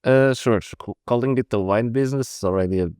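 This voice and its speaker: A man's voice: medium pitch, quick pace, a little mellow, smooth, no echo, studio quality. A man from Portugal with a Portuguese accent, answering interview questions casually with frequent restarts and fillers. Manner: hesitant, many restarts and fillers. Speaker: podcast guest, protocol lead.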